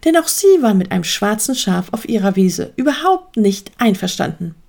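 A woman narrating a children's story aloud with expressive, lively delivery. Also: medium pitch, moderate pace, creaky.

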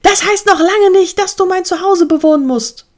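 A woman voicing a furious, territorial male sheep who shouts and rants shrilly. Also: fairly high pitch, sing-song, normal speed. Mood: raging.

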